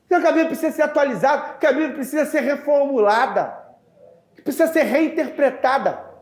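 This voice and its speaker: A male pastor preaching a sermon, telling a story with animated acted-out dialogue and often addressing the congregation as dear ones. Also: very high voice, fast talker, roomy sound. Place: church.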